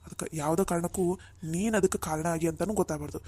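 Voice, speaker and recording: A woman's voice: fairly low pitch, fast talker, warm tone, husky, no echo. A woman voicing a firm, caring older brother in a cartoon, who reassures his sister again and again. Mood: reassuring. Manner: firm, reassuring, repeats "all right?". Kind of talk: cartoon voice acting.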